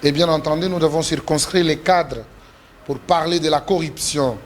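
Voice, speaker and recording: A politician guest from the Democratic Republic of the Congo is interviewed in French with a Congolese accent, forcefully repeating and stressing his points. His pitch jumps when he grows indignant, and he speaks at normal speed. A little hiss or hum is audible.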